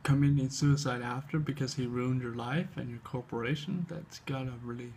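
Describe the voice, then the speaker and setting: A man hosting a comic book show, reading aloud haltingly with casual asides, his speech slightly tripped up by an overbite. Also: mid-range voice, fairly even intonation, a little mellow, slight background noise. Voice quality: slight speech impediment from an overbite, tongue flicking at upper lip. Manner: halting reading, stumbles and repeats words.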